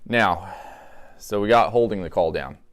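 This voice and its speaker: Clear-voiced man giving a casual how-to. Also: sits low, a little slow. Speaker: duck calling instructor. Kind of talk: instructional demonstration, casual.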